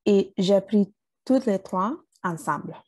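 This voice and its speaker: Speaking a little slowly yet expressively, this woman from Italy, with Bengali and Italian as first languages, has a mid-range voice of darkish tone. As an interview guest in a relaxed conversation, she hesitates, using many fillers and restarts, and the recording is dry.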